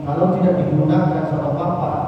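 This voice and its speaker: A man's voice: fairly high pitch, steady tone, fairly quick, a little hiss or hum. A young man who grew up in Saudi Arabia, preaching to parents and often asking the audience questions. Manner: rhetorical questions to the audience, chanting Arabic verses. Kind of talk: religious lecture to parents. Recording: echoey hall, far from the mic, dull sound.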